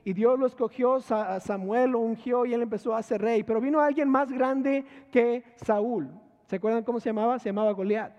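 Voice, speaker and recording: Male pastor, fairly high voice, preaching with rhetorical questions, dull lo-fi recording in a church hall. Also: steady tone, moderate pace. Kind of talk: sermon. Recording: echoey hall, dull lo-fi sound.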